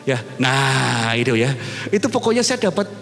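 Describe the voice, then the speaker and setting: A male pastor preaching a sermon to his congregation, animated and addressing them directly. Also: mid-range voice, moderate pace, vocal fry. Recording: reverberant hall with music behind.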